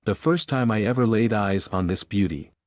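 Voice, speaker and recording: A man's voice: lowish voice, moderate pace, darkish tone, no room sound, clean studio sound, natural voice. A male narrator as an affectionate wealthy man.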